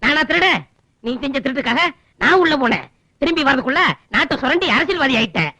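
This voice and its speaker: An actor playing a scheming rival turned politician in a comic film, taunting and mocking. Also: male voice, very high-pitched, animated, quick pace, pushed and bright, heavily acted.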